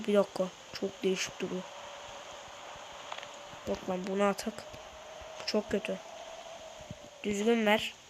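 A woman's voice: mid-range voice, a little hiss or hum. A woman giving casual commentary to her viewers while playing a game, slightly ill. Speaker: gaming YouTuber.

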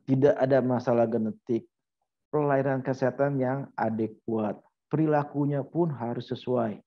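A man's voice: medium pitch, fairly even intonation, normal speed. A middle-aged man giving an informal medical lecture, talking through examples and asking rhetorical questions. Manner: conversational, uses anecdotes and rhetorical questions. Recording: slightly dull lo-fi audio.

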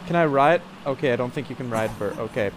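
A man chatting casually while playing a multiplayer game, excitable and directing the group. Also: medium pitch, fast. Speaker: gamer. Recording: noisy game audio behind voice.

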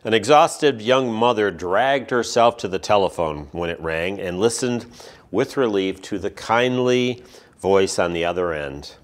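A man, a pastor, giving a relaxed, conversational sermon. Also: lowish voice, unhurried.

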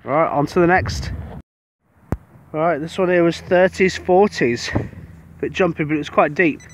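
Excitable British man narrating finds. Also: on the high side, measured pace, slight background noise. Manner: excitable, talks to the camera about each find. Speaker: metal detectorist. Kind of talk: casual commentary while detecting. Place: outdoors on a beach.

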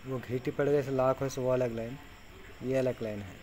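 On poor audio, a man with a mellow, medium-pitched voice speaks at a normal pace with fairly even intonation. A fishing tutorial maker, he casually goes step by step through tying fishing hooks, talking in a plain, instructive way while tying knots. Background insect noise comes through clearly.

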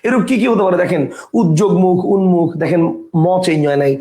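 A man teaching a grammar lesson, explaining step by step and often asking whether the point is clear. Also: high-pitched, quick pace, mellow, echoey room.

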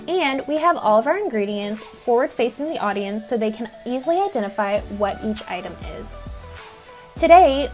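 A woman giving calm, clear instructions as a voice-over narrator. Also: mid-range voice.

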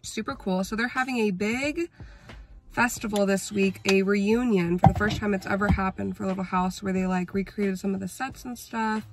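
Hoarse, gravelly woman vlogger. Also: mid-range voice, fairly even intonation, normal speed, background noise. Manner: chatty, rambling, friendly. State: hoarse from chest congestion. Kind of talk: casual vlog chat.

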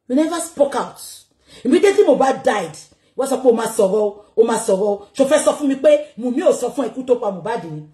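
A Nigerian woman with a high voice tears into her subject in a scornful commentary rant. Her mockery keeps spilling into shouts and laughter. The room around her rings with a roomy echo. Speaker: social media commentator.

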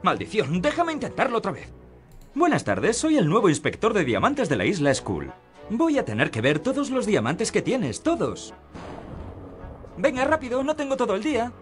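An actor playing a cheeky, bumbling young pirate hero in a video game, with a Castilian Spanish accent. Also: male voice, high voice, huge pitch swings, normal speed, faint music behind. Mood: cheeky bluffing.

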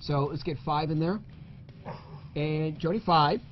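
A man hosting a casual party game, joking and energetic. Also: on the high side, unhurried, highs cut off, a little hiss or hum. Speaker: host.

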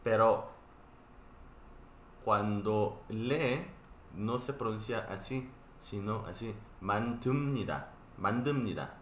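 A man's voice: lowish voice, slow pace, pauses often, a bit bright, reverberant, slight background noise. A man with a Korean accent teaching a live online Korean class, explaining patiently and checking in often with his students.

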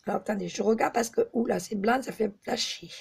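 A slightly hoarse woman giving a step-by-step crochet tutorial, patiently counting stitches aloud. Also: a little high, fairly quick, darkish tone. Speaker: crochet teacher.

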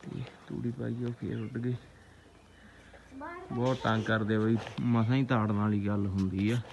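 Out on the farm, a man with a Punjabi accent talks to his viewers in a lowish, gravelly, slightly mellow voice, level in tone and moderate in pace. His chatty vlog is informal and rustic, full of greetings addressing them as brothers and friends. The outdoor ambience is noisy, with birds and animals.

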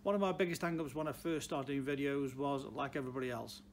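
A Stoke-on-Trent car dealer in his sixties, Potteries accent and all, gives fast, plain-spoken advice to camera off the cuff, repeating phrases emphatically. His mid-range voice keeps a steady tone. He is in a large indoor car showroom, its ambience clear in the background.

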